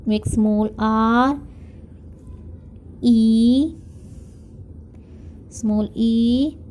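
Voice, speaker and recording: A kindergarten teacher with an Indian accent talks children through spelling, letter by letter. Her voice sits a touch high, and she moves very slowly. She mixes Hindi and English, sounding out each letter with care. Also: a little mellow, a little hiss or hum. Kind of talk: spelling dictation lesson.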